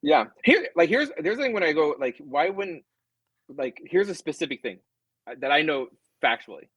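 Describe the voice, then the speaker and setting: A man's voice: fairly high pitch, very animated, normal speed, fairly bright tone, slightly rough, no echo, low-quality recording. A middle-aged man, a comics writer guest, chatting casually and animatedly, drifting into tangents and acting out quoted customers. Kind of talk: casual chat.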